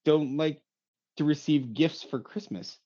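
Dry teasing co-host guy, kinda high voice, muffled audio. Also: a little slow, mellow. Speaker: podcast co-host. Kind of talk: casual chat. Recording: dull lo-fi podcast audio.

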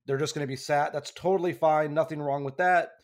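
A man's voice: fairly high pitch, fairly even intonation, a little fast. A man hosting a casual sports podcast, talking in a rambling, self-correcting way while losing his voice. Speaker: podcast host.

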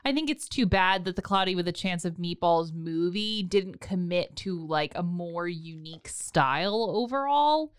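Young female co-host, playful casual chatter, lively pitch, dry close sound. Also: normal speed, hardly any pauses, clear, resonant tone, no room sound. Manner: chatty, many "like" fillers, playful. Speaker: podcast co-host. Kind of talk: casual chat.

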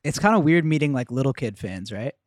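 A young man with a mid-pitched voice talks casually as a host. His speech is slangy frat-style bro talk with loose swearing, recorded dry. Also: animated, fairly quick, dry recording. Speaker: interviewer, show host. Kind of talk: casual chat.

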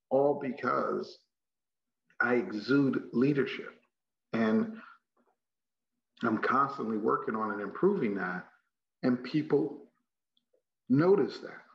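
Male motivational trainer, Texas accent, heavy vocal fry, emphatic and folksy delivery, muffled recording. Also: mid-range voice. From Texas, United States. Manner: emphatic, folksy, repeats phrases for effect, rhetorical questions. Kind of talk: motivational leadership training talk. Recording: muffled, echoey room recording.

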